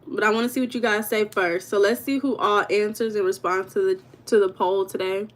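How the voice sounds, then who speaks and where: A woman's voice: medium pitch, steady tone, brisk. American woman, livestream host, casual and chatty, talks straight to her viewers. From United States. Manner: chatty, addresses viewers as y'all, reads comments aloud.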